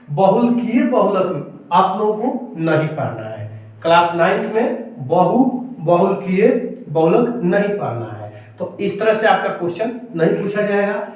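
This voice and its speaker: A man teaches a math class, asking a question and answering it himself as he works through each step. His voice sits high and carries a strong echo, and he sounds some distance from the mic. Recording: echoey room, voice far from mic.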